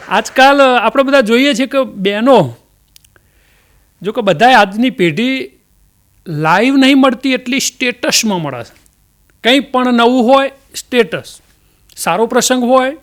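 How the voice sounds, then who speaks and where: Male stand-up comic with a Mehsana Gujarati accent, high and smooth voice, folksy and chatty. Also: fairly bright tone. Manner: folksy, chatty storytelling with dialect fillers. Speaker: comedian. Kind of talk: stand-up jokes.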